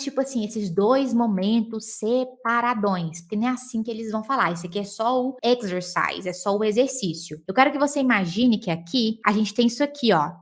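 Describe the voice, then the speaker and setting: Brazilian woman English teacher, chatty and encouraging, drawls out example words slowly, tag questions throughout. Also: fairly high pitch. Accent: Brazilian Portuguese. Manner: chatty, tags lines with "tá?", slows to model words. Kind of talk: explaining English vocabulary and pronunciation.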